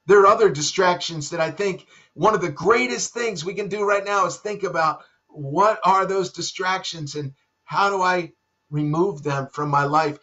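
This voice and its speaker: A middle-aged pastor preaches a sermon from his desk at home, in a room with bookshelves, his voice pitched high for a man. He speaks earnestly and drops into hushed low tones to stress a point. The webcam audio is dull and lo-fi.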